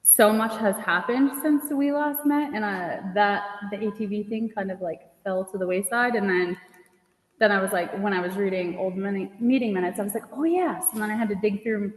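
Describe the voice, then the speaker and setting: A woman's voice: mid-range voice, moderate pace. A woman town manager talking casually and in a rambling way at a meeting in an echoing space. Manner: informal, rambling, peppered with "like". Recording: echoey hall with long reverb.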